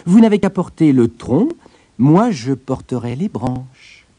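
A cocky little tailor from a storybook, as a man puts him on, piping far above a normal man's voice. He talks in perky, excitable bursts with a lively, bouncing pitch. Soft music plays faintly behind. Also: unhurried, slightly rough, no room sound. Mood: cheeky. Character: small boastful young male tailor, cheeky. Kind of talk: storybook character voice.

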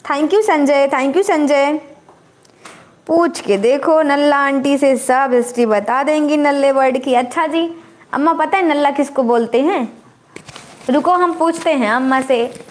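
High-voiced woman chatting on a live stream. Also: measured pace. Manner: chatty, reads out viewer comments and teases back. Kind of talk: casual live-stream chat with viewers.

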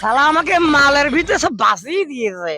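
A man's voice: very high-pitched, very animated, brisk, exaggerated voice. A man playing a brash, defiant village drunk who rambles tipsily in a comedy sketch. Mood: drunken boasting. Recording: noisy amateur recording with clicks.

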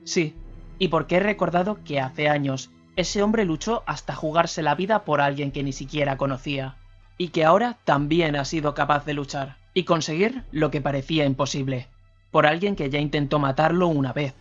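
Man doing remorseful ex-convict, calm, measured, earnest, dull radio sound, faint music. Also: a little high, natural voice.

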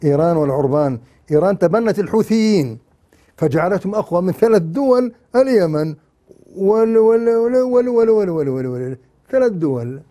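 An older man, holding forth in a mocking, animated manner as a television commentator. His voice sits fairly high for a man yet sounds dark and mellow. He slips easily into sarcastic asides. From Jordan. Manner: mocking, animated, mimics others in sing-song asides. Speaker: TV commentator, former university lecturer. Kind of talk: satirical political commentary.

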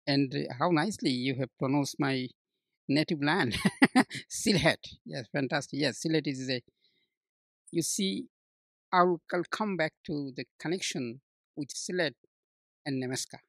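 A man in his sixties from Bangladesh, talking as an interview guest, halting often with fillers and restarts. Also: a little high, vocal fry, no room sound. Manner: hesitant, many restarts and fillers, warm laughs. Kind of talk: conversational interview.

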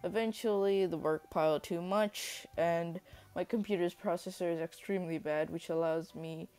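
A man hosting a casual vlog, talking in a flat, monotone way with lots of rambling fillers. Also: fairly high pitch, moderate pace, smooth. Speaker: YouTuber. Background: faint background music.

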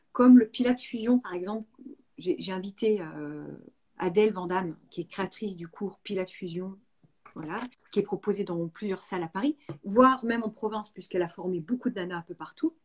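A woman's voice: mid-range voice, moderate pace, slightly rough. A woman in her forties, a fitness coach, chatting frankly and with energy on a video call. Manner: lively, frank, slangy. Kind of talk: casual webinar chat.

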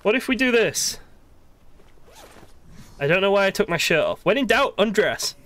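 With a high voice at a normal speed, a man livestreams a video game, swearing casually and sounding excitable and exasperated. He mutters to himself and at the game's creatures.

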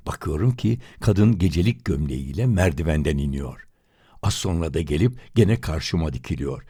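A man reading a literary story aloud in first person, with an expressive, dramatic manner. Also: rumbling low, normal speed, slightly rough, dry recording, clean studio sound. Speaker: audiobook reader.

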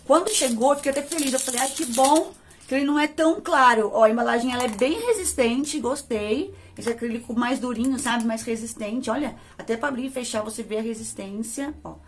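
A Brazilian beauty vlogger casually reviews makeup, speaking directly to her viewers and calling them "amores" and "gente" in a chatty, affectionate way. Her voice is a little high and a little fast, with her Brazilian Portuguese accent clear over slight background noise.

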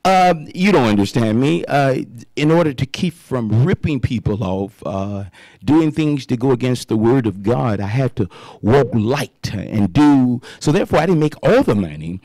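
A man's voice: medium pitch, animated, normal speed, warm tone, no echo. Fervent preacher in his fifties on radio. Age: 50s. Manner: fervent, calls out praise and amen often. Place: radio studio. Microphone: studio mic on boom arm, wearing headphones.

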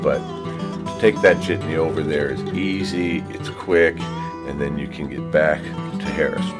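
A middle-aged man casually touring a casino hotel and giving practical travel tips on a handheld phone camera. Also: extremely low pitch. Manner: chatty, easygoing, practical tips. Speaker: travel vlogger. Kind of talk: casual walking tour and review. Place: hotel casino and hotel room, indoors.

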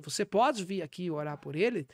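A man with a Brazilian Portuguese accent playing a shameless self-styled apostle in a deadpan comic podcast monologue, rambling with preachy asides. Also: high voice, a little fast, no echo. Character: brash, shameless male pastor calling himself apostle.

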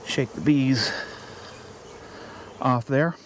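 A man, a beekeeper, explaining his steps in a casual, unhurried way while he works outdoors. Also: medium pitch, noisy background. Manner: plain, unhurried, thinking aloud while working. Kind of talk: casual how-to narration. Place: outdoors beside a beehive. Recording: faint outdoor ambience with buzzing bees.

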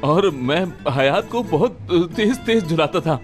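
An actor playing a jumpy, claustrophobic man in his thirties in a dubbed TV drama, excitable and whiny. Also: fairly high pitch, unhurried, faint music behind. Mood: nervous. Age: 30s. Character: jumpy claustrophobic man panicking, boastful but fragile.

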